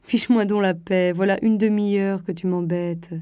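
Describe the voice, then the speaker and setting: A woman's voice: medium pitch, normal speed, no echo, studio quality, natural voice. Woman reading a weary, resigned husband. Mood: impatient. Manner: flat and resigned. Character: weary, teasing husband in bed.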